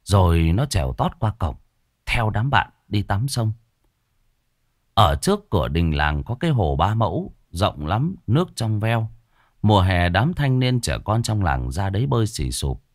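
A man narrating a village ghost story in a slow, dramatic, folksy way. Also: lowish voice, big pitch swings, dry recording, clean studio sound. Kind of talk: spoken horror story narration.

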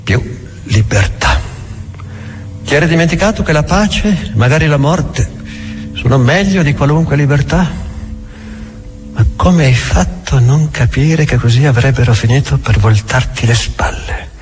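An actor playing a bitter, accusing, imperious inquisitor in a theatrical monologue, deliberate and full of rhetorical questions. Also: male voice, fairly high pitch, animated, soft background music.

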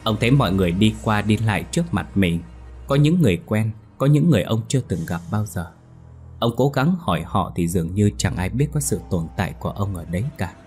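A man's voice: on the low side, animated, a little fast, a little mellow. A man narrating a ghost story in a dramatic reading voice. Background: faint music.

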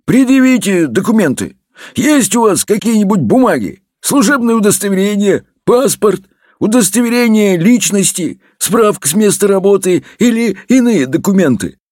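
A man's voice: sits high, expressive, normal speed, a little mellow, no room sound, clean studio sound, voice pushed up. A man voicing a polite but stern male police officer who makes formal, officious demands.

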